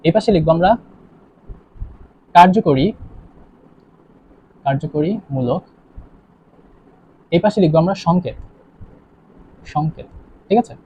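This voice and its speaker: A man's voice: a little high, warm tone, slight background noise. A young man teaching a chemistry lesson online, who keeps asking the class questions and repeating the answers. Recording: dull lo-fi recording.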